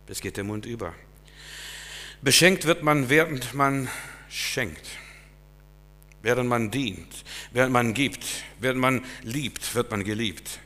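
Bright-voiced preacher in an echoing hall. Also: male voice, mid-range voice. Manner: emphatic, swings between loud and quiet. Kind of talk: sermon.

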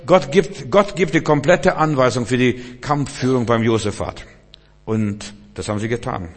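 A male preacher giving a sermon, switching between quiet passages and loud, shouted emphasis. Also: mid-range voice, normal speed. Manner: shifts from soft to shouting for emphasis. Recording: long reverb of a hall.

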